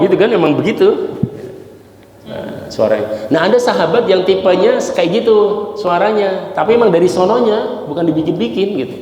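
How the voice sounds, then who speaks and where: A man preaching in a mosque, lively and joking, quoting Arabic verses and then explaining them. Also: medium pitch, a little hiss or hum. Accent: Indonesian. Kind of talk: mosque lecture. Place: large mosque hall. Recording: echoey mosque hall, faint ambience.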